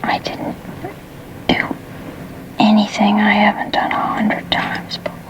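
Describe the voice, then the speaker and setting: An actress playing an ashamed, despairing young runaway in a TV police drama, halting and defensive in a hushed, breathy voice. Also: female voice, mid-range voice, monotone, in a whisper, highs cut off, lightly acted.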